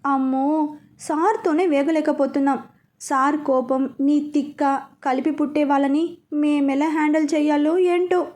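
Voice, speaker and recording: Woman as a joking young male assistant, cheeky, high-pitched. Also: steady tone, a little slow, a little mellow. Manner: teasing, cheeky.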